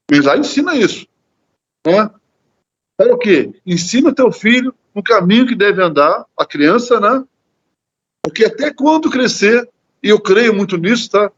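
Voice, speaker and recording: A man's voice: sits high, muffled recording. A man with a Brazilian Portuguese accent giving an earnest Bible study talk in a church, often repeating words as he searches for them. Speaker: lay preacher.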